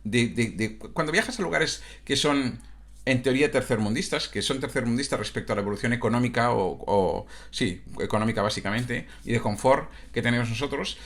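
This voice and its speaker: A coach from Catalonia, Spain, speaks in a casual, reflective monologue, tripping over restarts and tag questions. His voice is mid-range, brisk, and slightly bright.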